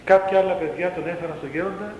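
Brief: male monk storyteller, lively and animated, higher-pitched, recorded in an echoey hall, dull sound. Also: slight background noise. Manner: animated storyteller, acting out the quoted voices. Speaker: monk recounting memories of an elder. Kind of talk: spoken storytelling talk.

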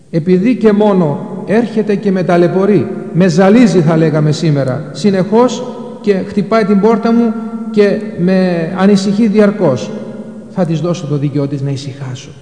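Male preacher, mellow tone, sermon in a reverberant church. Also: high voice. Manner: retells Gospel passages, quoting scripture in old Greek and explaining it.

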